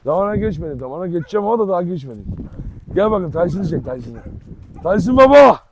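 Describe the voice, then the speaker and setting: A man from Turkey hosting a casual vlog outdoors in a dog yard, loud and teasing, coaxing the dogs with pet names. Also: a little high, animated, very fast, a little hiss or hum. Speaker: dog channel host.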